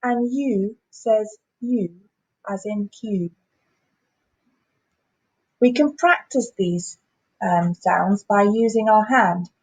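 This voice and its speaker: Slow, careful woman phonics teacher. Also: medium pitch, no room sound, poor audio. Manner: slow, clearly sounding out letters and words. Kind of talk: primary school phonics lesson.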